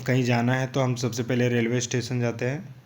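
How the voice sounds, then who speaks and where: A man's voice: mid-range voice, completely flat delivery, a little fast, a little mellow. A young man explaining programming basics in a casual tutorial, looping back often with "thik hai" and "guys". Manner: repetitive, loose, filler "thik hai" and "guys".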